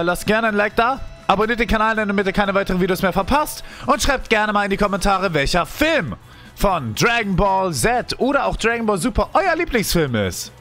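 High-pitched excitable gamer man. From Germany. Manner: complaining, exclaiming, animated. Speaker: let's play host. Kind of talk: excitable gaming commentary.

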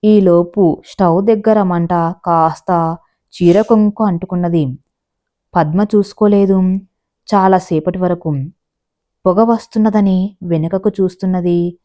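A woman narrating a family drama story in a plain, steady storytelling manner. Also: lowish voice, unhurried, long pauses.

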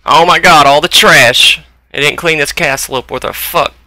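A man's voice: a little high, normal speed, sharp tone, dry recording. A young man giving profane, frustrated commentary while playing a video game at home on a close desk mic. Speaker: gaming video creator. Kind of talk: gameplay commentary.

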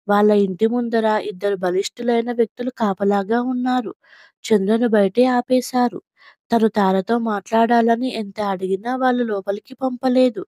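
A woman storyteller reading a story aloud in a steady, measured way. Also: a little high, dry recording, clean studio sound. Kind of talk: scripted story narration.

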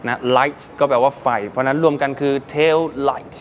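The audio is dull with slight background noise, and the man speaks at normal speed in a medium pitch with little pitch movement. An English teacher and show host, he runs a relaxed vocabulary lesson in a car showroom, politely explaining and spelling out words, often closing sentences with gentle particles.

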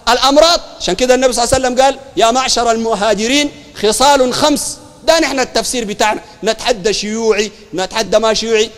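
A man with a Sudanese Arabic accent preaching a colloquial sermon, animated and mocking, full of rhetorical questions. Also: high voice, big-room sound.

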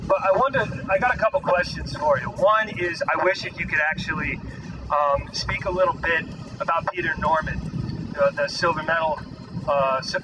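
A man in the audience asking a question at an outdoor gathering, talking in a rambling, halting way. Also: fairly high pitch. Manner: rambling, halting, full of restarts. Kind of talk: casual question from the crowd. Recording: distant mic with street noise.

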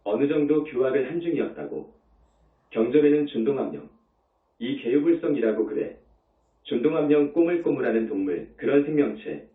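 A male Buddhist monk gives a dharma talk in a mid-range voice at a moderate pace, his delivery lively and rising and falling. He presses his points through repetition and rhetorical questions. The audio is tinny and phone-like, heard from a distance in an echoing space.

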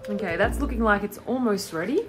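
A woman's voice: medium pitch, expressive, brisk. A young woman hosting a cooking vlog, explaining a recipe to camera in a friendly, instructive way from her home kitchen. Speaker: cooking vlogger. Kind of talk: upbeat cooking tutorial. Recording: music clearly underneath.

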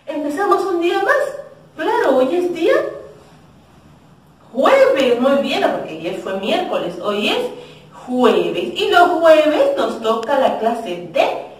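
Slow, sing-song woman teaching children. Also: sits high, very animated. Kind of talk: children's math lesson with a storybook. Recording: echoey room, distant mic.

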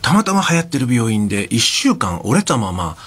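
A man from the Osaka area who grew up in Tokyo, a talk show guest telling anecdotes in a lively way. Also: mid-range voice, fairly quick, slightly rough. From born in Osaka area, raised in Tokyo. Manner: lively storyteller, standard speech with Kansai touches. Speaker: guest, leader of a vocal group. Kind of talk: anecdotal storytelling.

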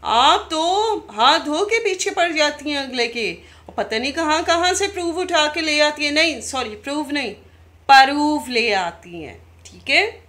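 A woman's voice: high voice, animated, measured pace, fairly bright tone. A woman in her thirties ranting indignantly in a video diary, scolding another vlogger with pointed rhetorical questions, recorded on a phone at arm's length in her living room. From Pakistan. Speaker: YouTuber replying to another vlogger. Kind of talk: confrontational video diary rant. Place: living room at home, indoors. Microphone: phone camera at arm's length.

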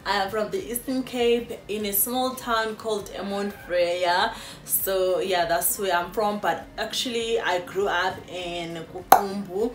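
South African woman, late 20s, unhurried YouTube Q&A chat to camera, echoey room, faint music behind. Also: medium pitch, steady tone. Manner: chatty, warm-hearted address to viewers, frequent fillers. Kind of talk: casual Q&A vlog. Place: indoors on a sofa in a small room. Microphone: phone camera.

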